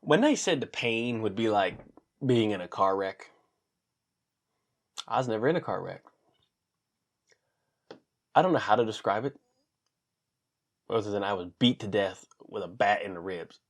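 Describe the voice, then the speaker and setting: Animated storytelling man, low voice. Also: moderate pace, pauses often. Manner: animated, acts out quotes with big pitch jumps. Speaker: vlogger. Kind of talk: casual storytelling monologue.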